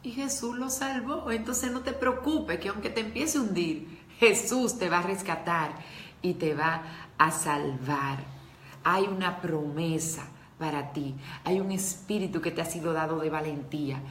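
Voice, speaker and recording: A woman's voice: fairly low pitch, a little slow, a bit bright, echoey room, a little hiss or hum. A woman preaching a devotional talk to women, earnest and emotional, speaking straight to her listeners.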